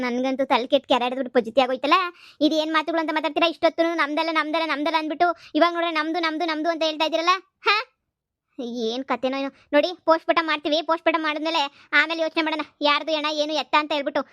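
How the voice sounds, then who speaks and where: A woman voicing an exasperated village police officer who scolds in quick bursts. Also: high voice, steady tone, a bit bright, no echo. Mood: fed up. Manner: brisk, scolding, fast.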